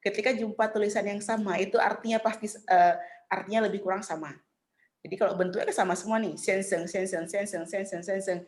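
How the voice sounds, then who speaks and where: A middle-aged woman teaching Mandarin in an online class, chatty and patient, saying tones slowly for students to copy. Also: medium pitch, steady tone, darkish tone.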